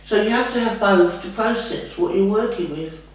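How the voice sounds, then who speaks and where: The mic is far off in a very echoey room, where a woman with a mid-range voice at normal speed talks as a trance medium. Her rambling, homely answers in this chatty spiritual guidance session keep calling the listener "lovey."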